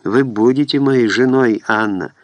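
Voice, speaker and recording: A man reading an audiobook voices a remorseful young nobleman who confesses his love in an earnest, halting way. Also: mid-range voice, no echo, lightly acted.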